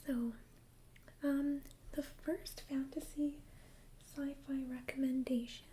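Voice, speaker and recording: Whispered role-play, soft female librarian. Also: sits high, flat delivery, slow pace, a little hiss or hum, poor audio. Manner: gentle, hesitant, conversational. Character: friendly, chatty female librarian recommending books. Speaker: ASMR role-player as librarian.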